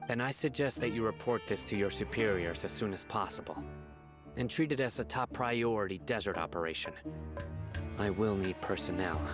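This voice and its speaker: Stern military enforcer acted by a man, low voice, formal, serious, game dialogue with music underneath. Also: normal speed, close to an everyday voice. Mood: commanding. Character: stern, disciplined male general and enforcer. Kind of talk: video game voice acting.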